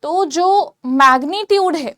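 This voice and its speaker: A woman's voice: very high-pitched, slow, a bit bright, dry recording, clean studio sound. A woman teaching physics in a lecture, explaining step by step and often checking that listeners follow. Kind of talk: whiteboard lecture in mixed Hindi and English.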